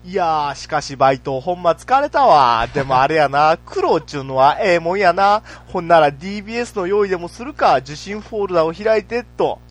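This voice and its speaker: A man voicing an irritable young male comedian who grumbles to himself in a Kansai accent, breaking into a shrill catchphrase. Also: lively intonation, brisk, few pauses. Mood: grumbling. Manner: griping, with a shrill repeated catchphrase. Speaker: radio co-host.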